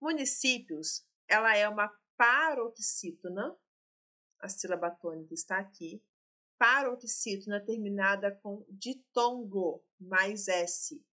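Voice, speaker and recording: A woman's voice: mid-range voice, takes it slowly, sharp tone. A woman, teaching and working through exam questions, explaining and talking straight to her students. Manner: explanatory, addresses students directly.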